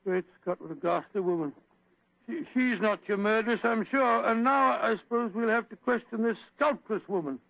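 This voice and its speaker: An actor playing a bluff, excitable male doctor sidekick in an old radio drama, blustering and stammering. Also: sits high, moderate pace, creaky, no room sound. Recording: dry phone-like old radio recording.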